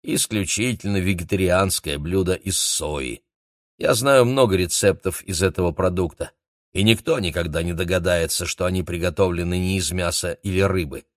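A man's voice: deep voice, moderate pace, dry recording, lightly acted. A man reading a storybook, voicing a gloomy, matter-of-fact cook close to his own voice. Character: gloomy cook, knowledgeable and dry.

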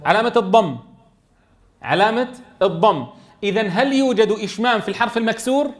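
A man teaching Quran recitation rules to a class, quizzing his students and modeling words in slow, drawn-out recitation. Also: sits high.

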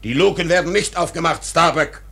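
An actor in a radio drama playing an obsessed, tyrannical older whaling captain, declaiming grandly in a gravelly, husky voice. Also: male voice, on the high side, fairly quick, fairly bright tone, heavily acted. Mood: furious, scornful. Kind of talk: literary radio drama acting.

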